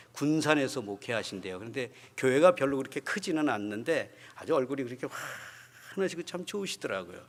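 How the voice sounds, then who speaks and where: A man preaching a sermon as pastor, moving between quiet storytelling and loud, fervent exhortation. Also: mid-range voice. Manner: swings from quiet talk to loud, shouting exhortation. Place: church sanctuary. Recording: long church hall reverb.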